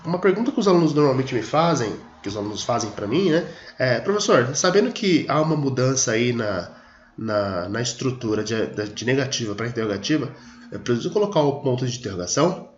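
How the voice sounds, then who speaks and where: A man explains a grammar lesson at a patient pace, stretching his example sentences and pausing to check that his students follow. His voice sits in a middle pitch. It echoes around the room, and the computer mic makes it sound dull and lo-fi. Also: sing-song. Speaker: English teacher. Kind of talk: screen-recorded grammar lesson.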